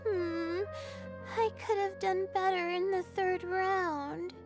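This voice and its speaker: A woman's voice: very high voice, flat delivery, takes it slowly, heavily acted. A woman voicing a shy, self-deprecating young student in a game. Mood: modest. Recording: game audio with music behind.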